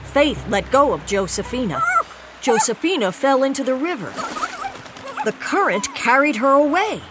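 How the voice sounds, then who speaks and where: A woman reading a children's picture book aloud in an expressive way, acting out the quoted lines. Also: sits high, moderate pace, noisy background. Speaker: storybook reader.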